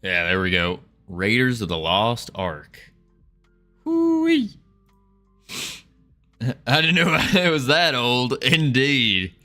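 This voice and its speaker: Chatting with his stream viewers, this young man puts on a playful Southern drawl and leans into folksy cowboy talk. He speaks at a medium pitch, taking his time, and his voice is pushed and bright. There's faint music behind him.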